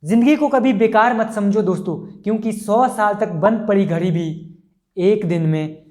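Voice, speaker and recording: A man delivering a motivational talk as a business consultant. He asks rhetorical questions, keeps calling the audience friends, and slows down to drive home his sayings. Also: high-pitched, a little mellow. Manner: rhetorical questions, repeats key lines, often says "friends".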